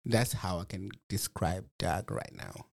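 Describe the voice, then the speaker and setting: Man, 40s, gravelly, lowish voice, reflective testimony with many fillers. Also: unhurried. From Malawi. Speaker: program resident guest. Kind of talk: personal testimony interview.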